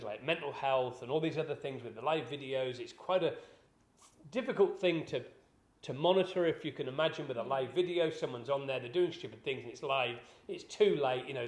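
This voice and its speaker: A man's voice: on the high side, darkish tone. A man talks business casually, his slightly raised voice wandering through fillers and restarts. The room adds a noticeable echo around him. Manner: rambling, conversational, many fillers and restarts. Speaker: business podcast host. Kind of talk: casual explanatory chat.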